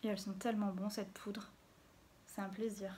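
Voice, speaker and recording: A woman's voice: mid-range voice, level tone, moderate pace, dark tone, slight background noise. A woman talking casually through her makeup routine as a beauty vlogger, chatty and dropping little interjections as she works. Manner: chatty, fills gaps with little interjections while working. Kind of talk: casual makeup tutorial talk. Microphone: phone camera.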